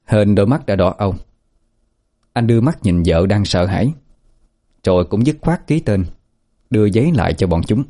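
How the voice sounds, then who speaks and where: A man reading a dramatic story aloud in earnest, steady scripted narration. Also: lowish voice, normal speed, pauses often.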